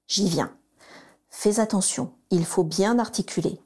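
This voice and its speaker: Woman reading as a warm, coaxing mother. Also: medium pitch, a little slow, husky. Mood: cheerful coaxing. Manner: gentle, affectionate, coaxing.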